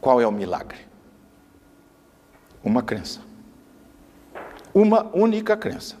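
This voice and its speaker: Male lecturer, lively pitch, insistent and repetitive delivery, reverberant hall. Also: takes it slowly. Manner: emphatic, repeats words for stress.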